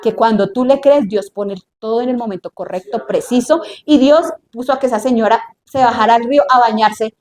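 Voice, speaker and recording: Animated woman preaching. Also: a little high, fairly quick, hardly any pauses. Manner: animated, acts out scenes in voices. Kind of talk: sermon. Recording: echoey church room.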